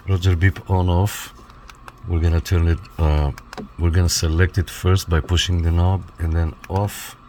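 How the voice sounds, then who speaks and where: In a casual hands-on product walkthrough, a man with a low, deep and slightly mellow voice demonstrates equipment review-style. He explains each step and checks in as he goes, with clear noise audible behind him.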